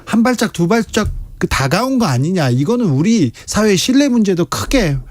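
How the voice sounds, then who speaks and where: A man hosting a political radio talk show, briskly summing up the guests' points. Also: high voice, very animated. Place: radio studio.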